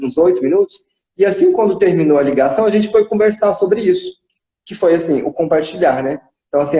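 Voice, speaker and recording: A young man with a fairly high, mellow voice recounts a therapy session over a live stream. He slips into the quoted lines as he goes, and his phone sound carries the echo of the room around him. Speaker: psychodrama psychologist. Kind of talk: casual storytelling in a live chat. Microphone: phone on a live video stream. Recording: echoey room.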